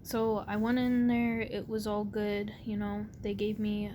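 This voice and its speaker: A young adult woman telling a personal story casually to camera, rambling and halting, her words slightly muffled by a sore, barely opened mouth. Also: monotone, mellow. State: sore mouth after wisdom tooth removal. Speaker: vlogger. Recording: clear background noise with low rumble.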